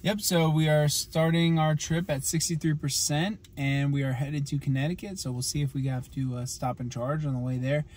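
A young man in his twenties narrates a road trip vlog in a relaxed way, explaining things from inside his car at night and then outside at a charging station in the rain. His slightly high, slightly mellow voice has fairly even intonation, and he talks at a normal speed with few pauses.

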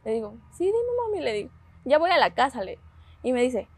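A woman's voice: a little high, fast, dry recording. A young woman in her twenties with a Mexican accent, eagerly telling her story in an interview and quoting others as she goes. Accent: Mexican Spanish. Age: 20s. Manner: animated retelling with quoted dialogue, laughing often. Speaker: pageant contestant.

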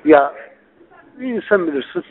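A man with a somewhat high voice speaks over a narrow, tinny telephone line. He is informal and blunt, with coarse, familiar phrasing. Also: lively intonation, unhurried. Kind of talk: informal phone conversation.

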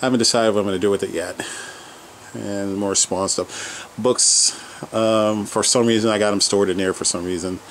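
Filmed on a handheld camera, this collector walks through his home basement, listing his pieces one by one in a loose, filler-heavy ramble. His voice sits fairly low with a fairly bright tone, his intonation stays fairly even, and he talks at a normal speed. The recording is rough, with slight background noise.

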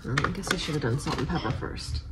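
A woman in her thirties, a homemaking vlogger, narrates casually while cooking in her home kitchen, thinking aloud as she works. Her voice is low-pitched and animated, and she talks fast. The kitchen is noisy, with clicking sounds in the recording.

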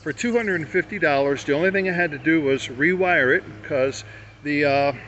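An older man who vlogs about motorcycle camping shows off his gear to camera at a grassy campsite, rambling in a folksy way and correcting himself as he goes. His voice is on the high side and fairly bright, at normal speed, and the outdoor sound is dull and lo-fi with faint noise.

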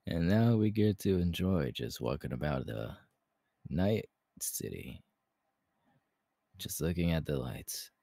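Very deep, gravelly Hawks, romantic ASMR man acting. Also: animated, warm tone, dry recording, clean studio sound, heavily acted. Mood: relaxed, playful. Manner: intimate, halting, breathy laughs and sighs. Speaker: voice actor, ASMR artist. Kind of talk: romantic ASMR audio roleplay.

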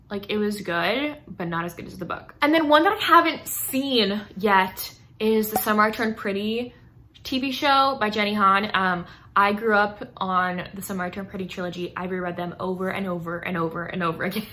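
This twenty-something book vlogger chats informally to the camera from a small bookshelf-lined room, gushing with emphasis. She speaks at a moderate pace in a mid-range voice that is bright and forceful, with a slight hiss or hum in the audio.

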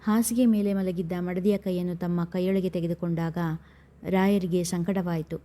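Brief: female narrator for a dramatic audio story; lowish, warm and measured. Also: steady tone.

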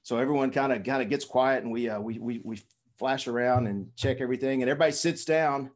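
A man in his fifties giving a keynote speech, telling dramatic stories in a halting way with lots of fillers and restarts. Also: medium pitch. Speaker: keynote speaker.

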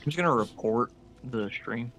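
A man talking as a friend over voice chat during a game stream, blunt and loud, swearing freely. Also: mid-range voice, a little slow, soft background music, rough recording. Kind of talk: casual gaming banter.

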